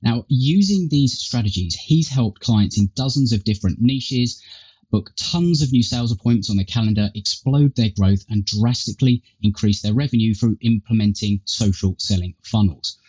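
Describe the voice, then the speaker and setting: A man's voice: medium pitch, normal speed, darkish tone, slightly rough. A man hosting a podcast, with a tinny, slightly metallic tone from recording through an earbud microphone. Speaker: podcast host. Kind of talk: scripted intro and podcast hosting. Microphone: earbuds instead of proper microphone.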